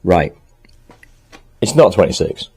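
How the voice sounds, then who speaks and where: In his countryside home workshop, a motorcycle restorer and channel host talks casually to the camera while he works. His low, mellow voice is slightly hoarse, sing-song and slow, and he thinks aloud with frequent ums and some throat clearing.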